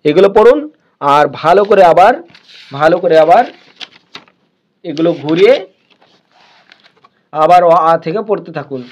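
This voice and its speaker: A man with a high voice teaches a beginners' reading lesson. He sounds each word out patiently and says it again and again before moving on. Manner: slow, repeats words over and over.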